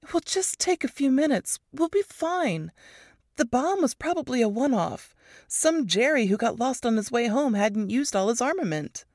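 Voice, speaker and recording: A shaken but stubborn young woman talks with raised, tight pitch, as a woman reading the story puts her on. Her lines come steady and determined, in a dry, close reading of a storybook. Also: normal speed, no room sound.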